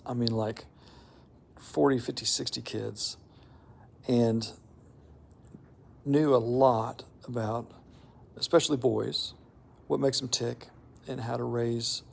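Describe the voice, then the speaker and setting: Gravelly middle-aged man telling a reflective story. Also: medium pitch. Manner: measured, with deliberate pauses. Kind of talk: reflective personal storytelling with a devotional message.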